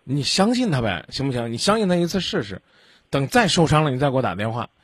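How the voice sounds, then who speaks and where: A man's voice: medium pitch, big pitch swings, quick pace, slightly rough, no echo, clean studio sound. Blunt, scolding male radio advice host.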